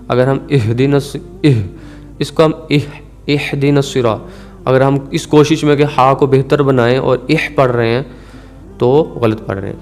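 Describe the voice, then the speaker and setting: Man teaching Quran recitation, slow drawn-out examples. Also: mid-range voice, darkish tone. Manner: explains patiently, stretches out the recited words slowly to demonstrate. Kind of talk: tajweed lesson.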